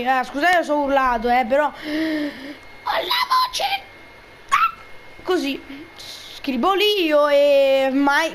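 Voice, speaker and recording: Woman chatting while she plays, high voice, slow easygoing talk, goofy rambling and yelling at opponents. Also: slight background noise. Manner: rambling and jokey, trash-talks opponents in bursts. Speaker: gaming video creator. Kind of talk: casual gameplay commentary.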